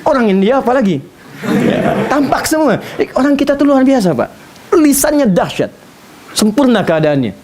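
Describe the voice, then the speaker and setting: A man preaching an animated sermon lecture, using playful asides for the audience. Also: very high-pitched, normal speed, crowd noise. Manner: animated, playful imitations of foreign speakers. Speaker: Islamic preacher. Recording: faint hiss.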